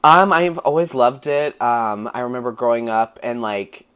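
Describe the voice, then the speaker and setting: A man's voice: mid-range voice, expressive, normal speed, fairly bright tone, clean tone. A man who performs as a drag queen, chatting casually as a guest, giggling and swearing freely in a playful way. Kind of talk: casual chat.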